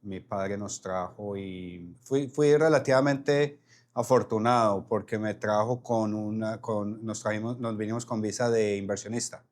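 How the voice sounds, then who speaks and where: A man's voice: on the low side, a little slow, darkish tone. A man, a podcast guest telling his story with frequent restarts and repeated words. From Colombia. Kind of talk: casual interview conversation.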